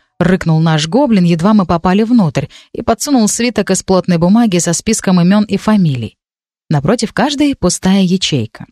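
A woman narrating a fantasy audiobook in the first person with measured, steady reading. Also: medium pitch, no room sound, studio quality.

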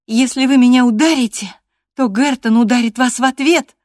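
A woman reading aloud, voicing a bold, stubborn young woman who shouts high and loud. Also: fairly even intonation, brisk, no room sound, studio quality. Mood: defiant.

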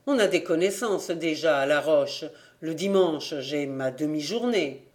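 A defensive young man who has left the family farm, voiced by a male audiobook reader. He talks evasively and a bit sheepishly, in a light, fairly high male voice. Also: unhurried, lightly acted. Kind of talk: audiobook character reading.

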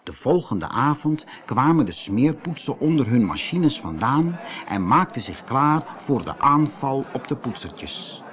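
Man reading a children's story, lively. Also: medium pitch, measured pace, hardly any pauses. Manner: expressive, animated reading. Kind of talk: storybook narration.

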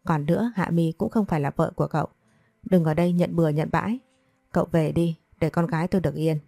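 A woman's voice: sits low, fairly even intonation, quick pace, creaky, mellow, no echo. A woman reading as a stern, worried mother. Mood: angry. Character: worried middle-aged mother, protective and stern.

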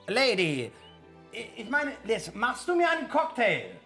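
Crime writer, radio play, grumpy, halting, theatrical, unhurried, faint music behind. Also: male voice, high voice, wildly swooping pitch, pushed and bright, full character voice. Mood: impatient, distracted. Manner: theatrical, halting, muttering self-corrections. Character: grumpy, self-absorbed male crime writer dictating his murder. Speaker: radio drama actor.

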